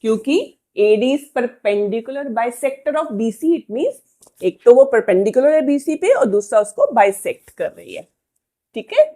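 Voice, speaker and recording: A woman teaching geometry in a fairly high, clear voice. She moves slowly and deliberately, spelling out each step of a proof. She often pauses to ask whether her students have understood. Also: very animated, mellow. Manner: slow, dictating proof steps word by word, often checking "ठीक है?". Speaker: maths teacher. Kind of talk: Hindi-English maths lesson at a whiteboard.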